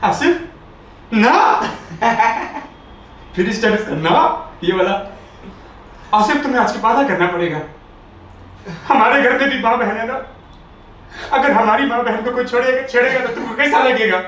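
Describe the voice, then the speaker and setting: A man's voice: very high voice, measured pace, long pauses, fairly bright tone, slight background noise, pitched above the performer's own voice. A man voicing a drunk friend who pleads and lectures with tearful promises, recorded far off in an echoey room. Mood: pleading. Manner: pleading, repeating his friend's name.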